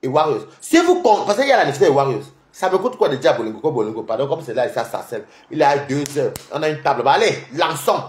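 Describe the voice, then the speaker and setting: A man's voice: a little high, sing-song. A young man ranting on a livestream in a taunting, mocking way. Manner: taunting, mocking, rapid-fire. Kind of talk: heated livestream rant. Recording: echoey room.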